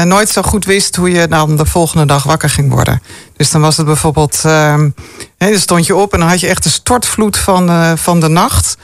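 A woman's voice: on the low side, no echo, clean studio sound. A middle-aged woman guest talking casually, hesitant and full of fillers. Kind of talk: casual conversation.

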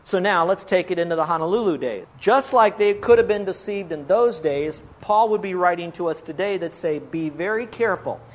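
A man's voice: high voice, expressive, brisk, few pauses. A man preaching a sermon as pastor, earnest and pleading, asking his listeners rhetorical questions.

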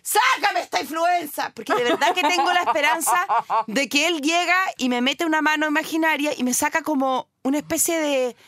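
A Chilean woman with a high-pitched voice, chatting casually and comically while teasing her co-host. She laughs often. The sound is close and dry. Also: a little fast, a bit bright, dry recording. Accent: Chilean Spanish. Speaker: podcast co-host. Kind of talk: casual comedic chat.

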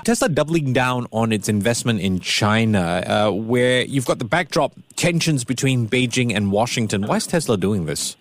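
A man at a middle pitch hosts a radio interview, chatty and lightly playful. His voice sits close and dry in a studio mic. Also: animated, moderate pace, hardly any pauses, dry recording. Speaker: radio host.

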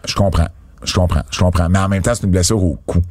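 A man's voice: sits low, fairly even intonation, quick pace, a little mellow. A man with a Quebec French accent co-hosting a wrestling podcast in casual chat, talking with many fillers and restarts.

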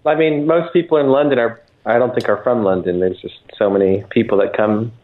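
A man, a guitarist and guest on the line, talking in a relaxed, halting way. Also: medium pitch, phone-quality sound. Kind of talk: casual interview chat. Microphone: phone line.

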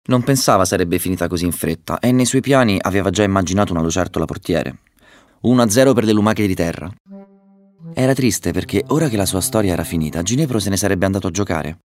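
A man reads a children's story aloud with lively narration and excited voices for the dialogue. He has a deep voice, speaks at a quick pace, and the recording is dry.

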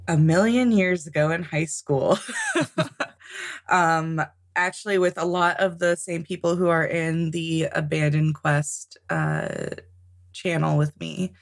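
A woman's voice: low-pitched, steady tone, takes it slowly. A woman guest in a casual interview, talking about tabletop games, chatty with frequent laughs and ums. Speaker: podcast guest, tabletop game author.

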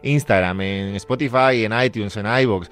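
Smooth-voiced male sports radio host. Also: fairly low pitch, moderate pace, a bit bright. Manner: friendly, brief interjections, wraps up the show. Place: radio studio.

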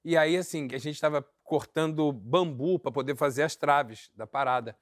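Man with a high voice, animated, laughing through his stories; casual group chat. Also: moderate pace, no room sound, clean studio sound. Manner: animated, laughing while telling a story. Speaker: guest.

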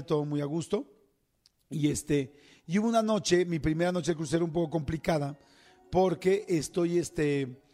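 A middle-aged man with a Mexican Spanish accent, hosting a show and chatting casually as he tells listeners a story, acting out the voices and screams. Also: a little high. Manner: chatty, animated, acts out screams and quotes. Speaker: radio show host.

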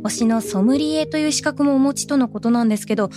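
A woman's voice: high voice, fast talker. A woman hosting a polite interview, courteous and attentive as she responds to her guest and asks questions. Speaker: interviewer, show host. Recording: music playing behind the voice.

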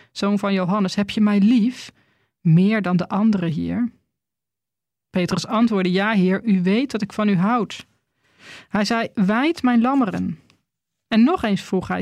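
A woman preacher giving a sermon, first reading a scripture passage in a measured, deliberate way and then speaking to her listeners. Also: medium pitch, a little mellow, dry recording, studio quality.

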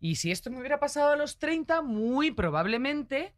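A woman's voice: high-pitched, normal speed, dry recording, clean studio sound. A woman, a guest telling stories with assurance and playful energy. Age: 40s. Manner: assured storyteller, animated and playful. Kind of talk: casual chat.

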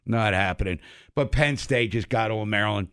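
A man's voice: lowish voice, moderate pace, a bit bright, clear, resonant tone. Toothless middle aged guy hosting sports radio, bit of a lisp, talking casual without his dentures. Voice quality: slight lisp.

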